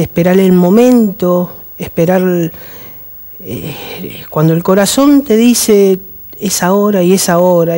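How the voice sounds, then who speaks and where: A man speaking as a guest on a TV interview, reflective and halting, with many restarts and pauses. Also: sits high, dark tone.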